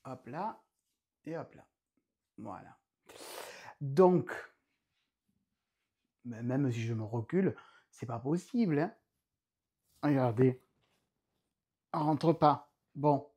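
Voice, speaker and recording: Mellow-voiced chatty man. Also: mid-range voice, slow, pauses often, breathy edge. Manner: chatty and rambling, with frequent hesitations. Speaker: knitting podcast host. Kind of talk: casual chat. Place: indoors at home.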